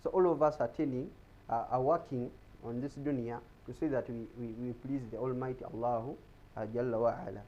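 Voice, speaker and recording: A man's voice: mid-range voice, fairly even intonation, a little fast, darkish tone, highs cut off. A man giving an explanatory talk on health in a TV studio, often repeating words as he searches for them. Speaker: guest speaker on health.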